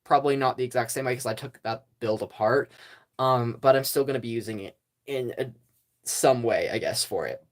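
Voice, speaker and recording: A stop-motion channel host with a mid-range voice speaks fairly quickly in a casual, rambling YouTube channel update. He sounds hesitant and self-deprecating, poking fun at his own past work amid lots of ums and small laughs.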